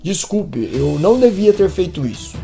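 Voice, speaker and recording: A woman voicing a gentle, caring man who speaks in a soothing, concerned way. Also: fairly low pitch, very animated, moderate pace, gravelly, slightly rough, faint music behind, heavily acted.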